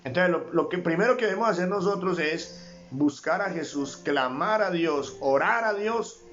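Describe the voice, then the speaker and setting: Fervent Colombian male pastor, somewhat high-pitched, live-streamed sermon with dull audio and faint background music. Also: expressive, moderate pace, fairly bright tone. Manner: fervent preaching, repeats words for emphasis, addresses listeners as brother. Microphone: livestream.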